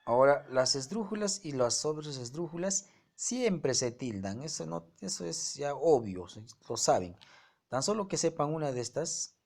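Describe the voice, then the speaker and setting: A man's voice: fairly high pitch, big pitch swings, normal speed, creaky, a little mellow. A male teacher explaining a grammar lesson to his students, often checking their understanding with rhetorical questions. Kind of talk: online class lesson.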